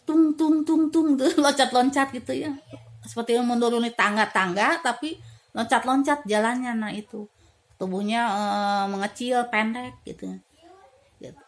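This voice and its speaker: A woman, casually telling a personal ghost story with many fillers and slow, drawn-out words at tense moments. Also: fairly high pitch. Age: 50s.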